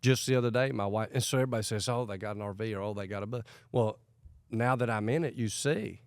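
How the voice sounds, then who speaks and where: A man's voice: on the low side, quick pace, no echo, studio quality. A man, speaking casually in a rambling, hesitant way while leading into a question. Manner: rambling, hesitant, with many fillers and restarts. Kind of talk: casual conversation.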